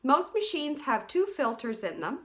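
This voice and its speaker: A woman's voice: high voice, big pitch swings, normal speed. A woman in her forties, a sleep clinic educator, giving a casual, practical how-to demonstration from a small room, repeating key points for emphasis. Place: small indoor room, seated at desk.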